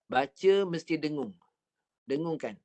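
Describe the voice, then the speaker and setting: A man with a Malaysian Malay accent leads an online recitation lesson over a computer mic, his voice sitting a little high. He drills each sound patiently, counting off repetitions and drawing out words very slowly as he demonstrates. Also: mellow. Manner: stretches words very slowly when showing the recitation. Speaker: Quran recitation teacher. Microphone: computer mic on a video call.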